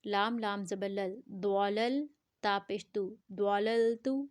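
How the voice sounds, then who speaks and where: A woman's voice: mid-range voice, steady tone, a little mellow, no echo, studio quality. A woman teaching Quran recitation, spelling words letter by letter and drawing out the nasal sounds. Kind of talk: slow spelling-out tajweed lesson.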